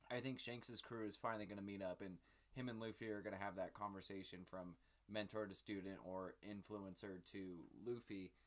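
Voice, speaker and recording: A man hosting his own channel, talking through his theories in a rambling, filler-heavy, casual sit-down chat. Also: on the low side. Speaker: channel host.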